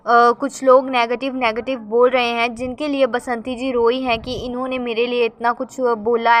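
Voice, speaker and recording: A woman's voice: a little high, bright, forceful tone. A woman vlogger giving earnest, sympathetic commentary and often addressing her viewers directly.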